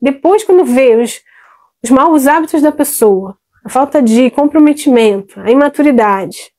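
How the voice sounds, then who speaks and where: A woman's voice: high-pitched, animated, moderate pace, a little mellow. A woman therapist gives emphatic, conversational advice straight to her audience and keeps calling on them directly. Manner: emphatic, conversational, addresses listeners as "gente". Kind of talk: direct-to-camera advice talk.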